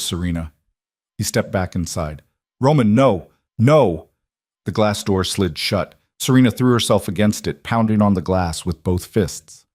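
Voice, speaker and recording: A man reading a dramatic story aloud in a slow, heavy, measured narration. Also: low voice, darkish tone, no echo, studio quality.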